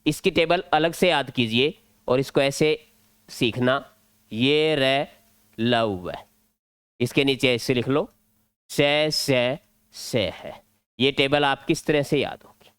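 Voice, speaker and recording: A man's voice: mid-range voice, slow, long pauses, a bit bright, clear, resonant tone, no echo. A male teacher with a Rajasthani Hindi accent, explaining an exam-prep grammar lesson step by step at a board. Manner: step-by-step explaining, drilling points.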